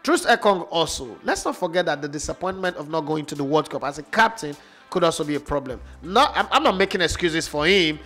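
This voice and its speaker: Guy ranting about football, blunt, bit high voiced, faint music. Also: lively intonation, brisk, bright, forceful tone. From Nigeria. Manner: blunt, emphatic. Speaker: football pundit. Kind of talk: opinionated sports talk.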